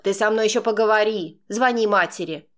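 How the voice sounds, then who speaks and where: A woman's voice: mid-range voice, fairly quick, natural voice. A woman reads out a brash middle-aged aunt from an audiobook, blunt and crude-spoken. She scolds and mocks in an ordinary mid-range voice. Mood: scolding. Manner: scolding and mocking, then soothing.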